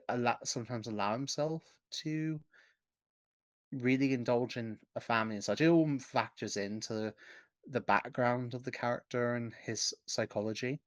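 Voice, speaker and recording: A man's voice: medium pitch, dry recording. Podcast cohost guy, mid voice, stops a lot looking for the right word, dry close sound. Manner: measured, searching for words, hesitant. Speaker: podcast co-host. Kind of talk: casual podcast discussion.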